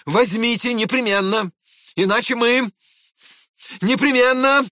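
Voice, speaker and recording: A man's voice: extremely high pitch, measured pace, dry recording, studio quality, voice pushed up, exaggerated voice. A man voicing a snappish proud prince. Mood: agitated, pleading. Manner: snappish, shouting and scolding. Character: irritable proud aristocratic prince, middle-aged man.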